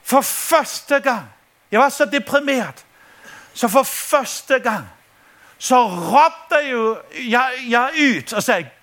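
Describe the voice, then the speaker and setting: A male pastor from Denmark delivers a lively sermon, slipping into the voices of the people in his story. His voice sits high and carries a bright, forceful ring. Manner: animated, acts out voices in his stories, laughing often.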